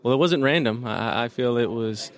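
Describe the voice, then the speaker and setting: A man's voice: mid-range voice, normal speed. A man being interviewed at a conference, talking casually with many restarts and repeated words. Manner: hesitant, repeats words often. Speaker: guest developer. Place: conference venue.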